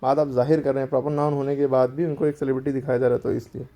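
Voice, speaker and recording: A man's voice: mid-range voice, flat delivery, very fast, highs cut off. A man teaching a grammar lesson to schoolchildren, explaining step by step and answering his own questions.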